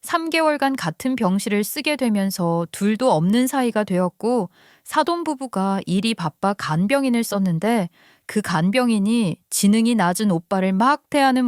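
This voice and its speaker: Older woman reading out a family story, calm and steady, middle voice, dry close sound. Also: medium pitch, no room sound. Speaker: story narrator. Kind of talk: scripted first-person story narration.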